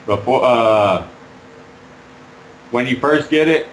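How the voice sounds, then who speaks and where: A man being interviewed about fursuiting while wearing a fursuit head, talking in a halting, rambling way with many fillers. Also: medium pitch, echoey room, a little hiss or hum, poor audio. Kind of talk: casual interview.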